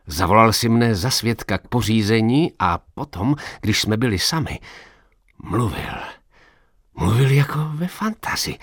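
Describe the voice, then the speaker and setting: A secretive old quarryman confides ghostly sights, voiced by a male storyteller. His voice is breathy and close, sinking to near-whispers and then climbing high with insistence. The recording is dry and intimate. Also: no echo. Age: older. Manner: hushed, confiding, rising to urgent. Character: old quarryman, hushed and knowing, telling of ghosts.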